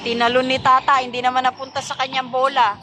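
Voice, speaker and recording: Female courtside caller, high-pitched and chatty, teasing, music under her voice. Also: little pitch movement, quick pace, bright, forceful tone. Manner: chatty, teasing, naming players. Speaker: courtside commentator. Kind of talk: casual play-by-play commentary.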